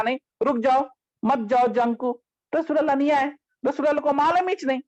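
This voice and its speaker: A man giving a religious lecture on scripture, explaining with emphatic rhetorical questions and sharp rises and falls in his voice. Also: dry recording. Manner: emphatic, rhetorical questions, quick shifts in pitch. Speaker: Islamic teacher. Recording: dull lo-fi, dry sound.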